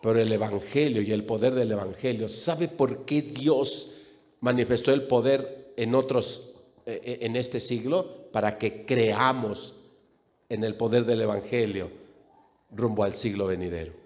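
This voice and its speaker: A man's voice: mid-range voice, unhurried, darkish tone, in a large hall. A man preaching a sermon with emphasis, repeating phrases and speaking straight to the congregation.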